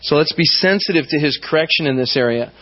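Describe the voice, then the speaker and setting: A man with a somewhat high voice preaches a sermon, talking to his congregation conversationally and checking in with frequent questions. The recording sounds dull and lo-fi. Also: fast talker.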